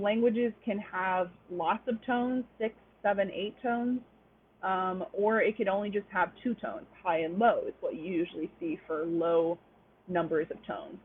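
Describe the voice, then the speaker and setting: A woman's voice: mid-range voice, slightly rough. Woman lecturing over tinny webinar audio. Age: young adult. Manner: explanatory, frequent "um" fillers. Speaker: webinar instructor. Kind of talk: online lecture.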